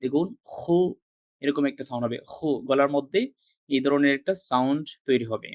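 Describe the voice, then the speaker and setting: A man teaching Arabic letter pronunciation, repeating each sound slowly and carefully, with patient classroom explanations. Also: mid-range voice, fairly even intonation, a little mellow, no room sound, clean studio sound. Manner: drills each sound three times with careful articulation. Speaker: Quran reading teacher. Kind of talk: slow, deliberate recitation lesson.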